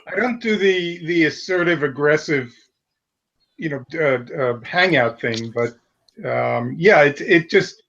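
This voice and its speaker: A man's voice: a little high, animated, measured pace, a bit bright. A man talking hesitantly in an online hangout, stumbling over his words, heard over dull lo-fi call audio. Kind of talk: casual online hangout chat.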